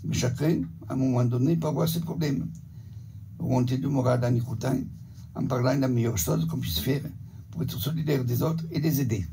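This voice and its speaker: Older southern french guy reading his report slow and steady, gravelly dark voice. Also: medium pitch, slight background noise. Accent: southern French (Montpellier). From Montpellier area, southern France. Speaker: retirement home resident giving a report. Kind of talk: reading a prepared text. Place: retirement home, sent as a video.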